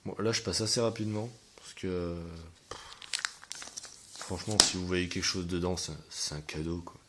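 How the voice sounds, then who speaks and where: Low-voiced rambling man with a card binder. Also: moderate pace, very noisy. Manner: hesitant and rambling, many fillers. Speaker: card collector showing his binder. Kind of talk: casual talk to viewers.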